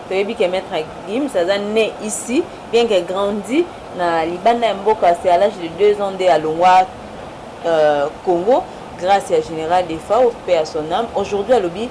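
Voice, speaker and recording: A woman conducts an interview in a mid-pitched voice, steering with brief prompts and pushback. Noise sits audibly behind her. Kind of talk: conversational interview. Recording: noisy background.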